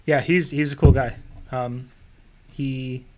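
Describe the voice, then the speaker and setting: A man's voice: medium pitch, fairly even intonation, slow, a little mellow, slight background noise. A man co-hosting a podcast, trading casual jokes and banter. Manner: joking, easygoing banter. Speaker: podcast co-host. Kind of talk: casual chat.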